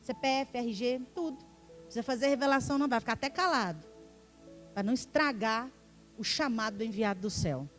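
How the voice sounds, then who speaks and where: A middle-aged woman from Minas Gerais, preaching a sermon as an apostle. She tells stories in an animated way and acts out the dialogue, sometimes dropping to hushed tones. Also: a little high, quick pace, soft background music. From Minas Gerais, Brazil. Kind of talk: storytelling sermon. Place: church sanctuary.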